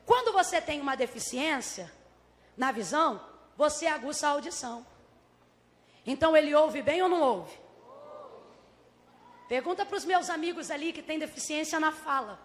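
A Brazilian woman preaching a dramatic sermon, swinging from shouts to hushed asides and acting out the scene's characters in dialogue. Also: high voice, animated, normal speed, pauses often. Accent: Brazilian Portuguese. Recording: long reverb of a large hall.

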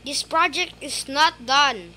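A young female host chatting excitedly through a Minecraft let's play and teasing her brother. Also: high voice, slow pace. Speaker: gaming channel host. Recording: noisy background.

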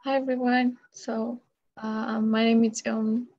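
A woman's voice: fairly high pitch, flat delivery, slow pace, darkish tone, lo-fi sound. A young woman from Ethiopia briefly introducing herself on a video call.

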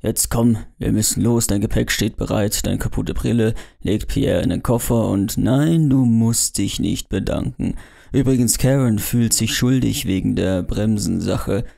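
A man voicing a brisk, bossy male travel companion in an audiobook, talking in a hurried, chiding way. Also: fairly low pitch, gravelly, dark tone, heavily acted. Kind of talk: audiobook character voice.

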